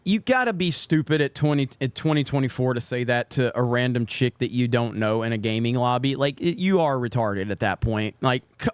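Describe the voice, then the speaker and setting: A man's voice: medium pitch, dry recording. A man giving casual, opinionated commentary on gaming clips in a blunt, sarcastic, sweary manner.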